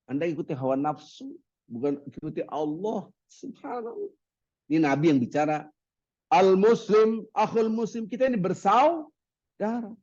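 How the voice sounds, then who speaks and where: A man giving a lively Ramadan sermon, acting out everyday scenes and chanting Arabic phrases. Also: fairly high pitch, normal speed, no echo, dull audio. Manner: lively, acts out market haggling in quoted voices. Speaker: preacher.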